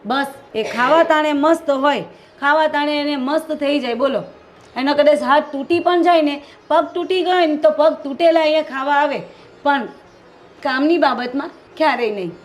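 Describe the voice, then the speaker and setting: An actress playing a hardworking, resentful daughter-in-law who complains constantly, with a Gujarati accent. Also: female voice, high voice, moderate pace, lightly acted. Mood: aggrieved. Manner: complaining, aggrieved.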